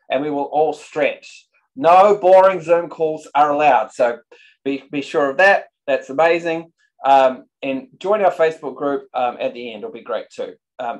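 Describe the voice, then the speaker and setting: A man's voice: fairly high pitch, low-quality recording. A man from New Zealand with a New Zealand accent, teaching a webinar over a video call and upbeat as he coaxes the audience to join in. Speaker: real estate trainer.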